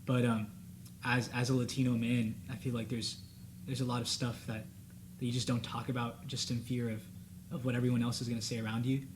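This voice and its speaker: Against a noisy background, a young male student panelist, a native Spanish speaker, talks fairly quickly with hardly any pauses. His medium-pitched delivery is flat, yet his tone is earnest and reflective, and the casual discussion is full of fillers.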